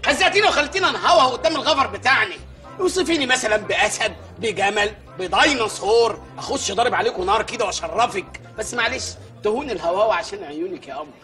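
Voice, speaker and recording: An actor playing a boastful, excitable village mayor in a comedy film, with an Egyptian Arabic accent and loud, comic ranting. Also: male voice, high voice, fast talker, soft background music.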